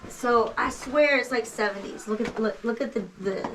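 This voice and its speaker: A woman's voice: fairly high pitch, moderate pace. A woman guiding a cave tour, her voice echoing off the rock and picked up from a distance over some noise. She is from Texas and talks in an enthusiastic, folksy way, casual and informal as she points things out. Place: inside a cavern, echoing.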